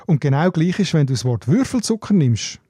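A man's voice: on the high side, sing-song, fairly quick, dark tone, slightly rough, dry recording, clean studio sound. A man with a Swiss German accent, a linguist co-hosting a casual chat, who explains patiently and often ends on a questioning "oder?". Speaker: linguist co-host.

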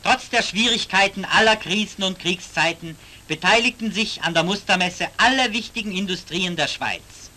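A man's voice: sits high, moderate pace, hardly any pauses, bright, forceful tone. A man narrating an old 1940s newsreel in a formal, declamatory announcer style, played from an archive recording.

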